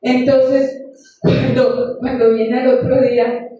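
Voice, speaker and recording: A woman's voice: sits high, level tone, slow pace, highs cut off, a little hiss or hum. A woman preaching a sermon, earnest and story-driven, calling her congregation beloved. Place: church. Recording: echoey room, far from the mic.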